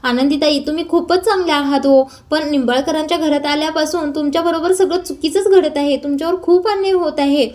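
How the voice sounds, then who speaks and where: A woman's voice: high voice, steady tone, a little fast, hardly any pauses, darkish tone, lightly acted. A woman voicing a loyal housemaid who speaks sympathetically and respectfully. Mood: sympathetic.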